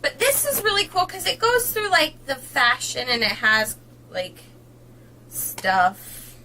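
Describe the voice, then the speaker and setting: A bubbly woman chatting casually on camera at home, her voice bright and ringing. She swoops up and down in pitch, giggles often, and keeps a light, animated flow. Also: takes it slowly, slight background noise, rough recording. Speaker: co-host of a book channel. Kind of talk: casual chat.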